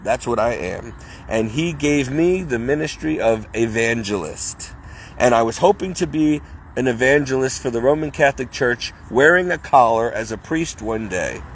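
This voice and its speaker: A man's voice: medium pitch, animated, moderate pace, rough recording. A man records a casual vlog outdoors, cold after hours outside. He speaks with fervent zeal, breaking off and restarting his sentences as he rambles. Faint outdoor traffic hums in the background. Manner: zealous, rambling, self-interrupting. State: freezing cold. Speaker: vlogger. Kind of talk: casual religious vlog monologue.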